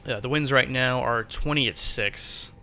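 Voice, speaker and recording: Bright-voiced man streaming a flight simulator. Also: unhurried. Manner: muttering to himself while working through steps. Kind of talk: casual live commentary, thinking aloud. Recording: faint background noise and low rumble.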